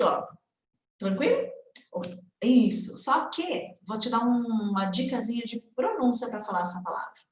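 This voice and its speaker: A woman teaching an English lesson on a live stream, talking to viewers in a lively, chatty way and modeling phrases. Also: mid-range voice. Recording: echoey room.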